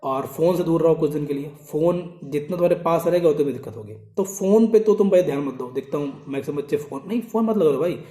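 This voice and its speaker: Young male coaching teacher, brisk and scolding, higher voice with a mellow tone, recorded in an echoey room. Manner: informal, scolding and urging, repeats advice. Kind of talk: motivational study advice to students.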